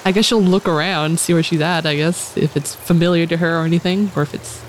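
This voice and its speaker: A woman's voice: on the low side, steady tone, brisk, poor audio. A woman playing a tabletop game, casually describing what her character does. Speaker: player. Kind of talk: casual tabletop role-play chat. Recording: faint rain noise behind.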